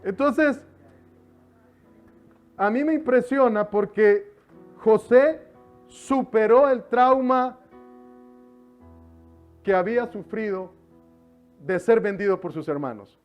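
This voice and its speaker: High-voiced man preaching a lively sermon. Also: takes it slowly, long pauses. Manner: lively and joking with the congregation, drawing out words for emphasis. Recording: slightly dull sound with music behind.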